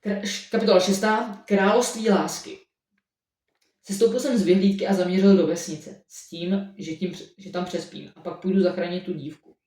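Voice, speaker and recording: A man narrating his own story in the first person in a halting amateur reading with frequent restarts. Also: high voice, fairly even intonation, a little mellow. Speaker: audiobook narrator. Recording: roomy echo, mic at a distance.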